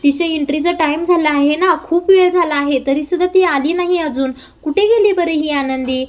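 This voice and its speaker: A woman's voice: high voice, normal speed, lightly acted. A woman voicing a worried young woman in a serial recap, anxious and questioning.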